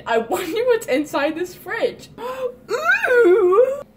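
Woman doing a squealing pranked girl, very high, lively, comedy skit, echoey noisy room. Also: takes it slowly, heavily acted. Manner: squealing, over-the-top disgust.

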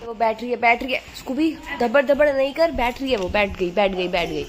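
A woman's voice: on the high side, fairly quick, a little hiss or hum. Woman scolding her dog in baby talk. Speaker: vlogger. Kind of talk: casual home vlog, talking to pets. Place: home.

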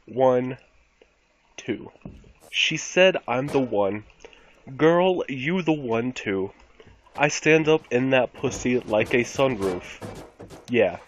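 Over muffled, noisy game voice chat picked up by a computer mic, a man with a mid-range voice performs a mock-dramatic reading of rap lyrics in an online game. He's theatrical, leaving deliberate pauses between short phrases.

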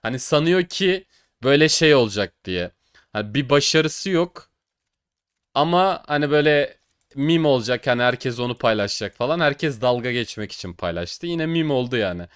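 A young man giving casual, excitable commentary while opening cases, boasting loudly and groaning at losses. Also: mid-range voice, normal speed, smooth, no echo, studio quality. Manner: excitable, swings between boasting shouts and mock crying. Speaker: gaming streamer.

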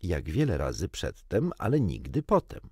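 A man reading a children's book aloud in an expressive, playful manner. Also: sits low, moderate pace, slightly rough, dry recording, clean studio sound. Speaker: audiobook narrator. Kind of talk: storybook narration.

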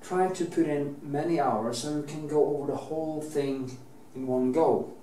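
During a painting demonstration in his indoor studio, a middle-aged Norwegian teacher with a Norwegian accent talks as he works, rambling, starting sentences over, and occasionally swearing offhandedly. His voice is a little high with a dark tone at a moderate pace. The distant camera mic yields a roomy sound with faint background hiss.

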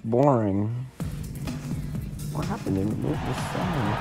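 A man's voice: mid-range voice, very animated, slow, loud music behind the voice. A man giving casual, frustrated commentary while playing a mobile basketball game, often swearing and exclaiming.

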